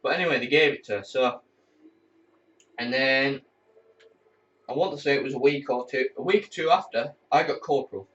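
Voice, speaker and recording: Sitting well back from the mic at home, a teenage boy in the air cadets chats freely to his camera and curses occasionally when irritated. He has a medium-pitched, fairly bright voice, though the recording comes across dull and muffled.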